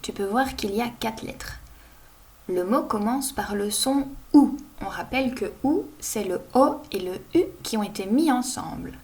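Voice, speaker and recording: Lady teacher, kinda high voice, slow careful sounding out for little kids. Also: lively intonation, darkish tone. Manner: slow, clearly sounding out each word. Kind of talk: reading lesson for young children.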